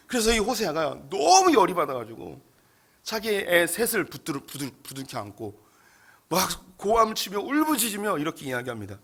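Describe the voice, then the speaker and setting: A male pastor preaches a sermon with bright, forceful energy, his voice sitting slightly high. He tells the story in a lively, frank manner. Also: moderate pace.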